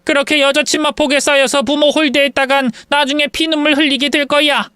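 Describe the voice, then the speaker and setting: A man voicing a bitter older mother-in-law who scolds and accuses in a shrill, raised voice. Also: little pitch movement, brisk, pushed and bright, no room sound, clean studio sound. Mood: reproachful.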